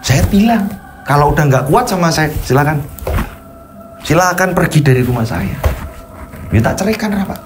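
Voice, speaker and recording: A man retelling a first-person ghost story as a storytelling host, animated and often addressing the listener directly. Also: fairly high pitch, normal speed, long pauses, music in the background.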